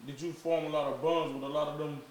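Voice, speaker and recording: Fast-talking man asking questions. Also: fairly high pitch, little pitch movement, slight background noise. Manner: quick, eager questions. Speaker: podcast host. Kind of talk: casual interview chat. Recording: echoey room.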